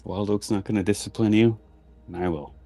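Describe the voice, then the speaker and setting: A man's voice: on the low side, steady tone, fairly quick, vocal fry, warm tone, faint music behind. A man playing a stern, parental dragon rider who scolds a youngster in firm, clipped commands in a tabletop game.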